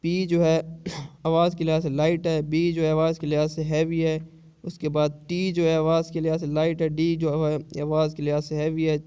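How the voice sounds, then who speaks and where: A man gives an online shorthand lesson, slowly going over each point again and checking that students follow. His voice sits a little high yet mellow, with a flat, even delivery. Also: clean tone. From Pakistan. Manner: patient, repetitive explaining with frequent checks. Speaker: shorthand teacher.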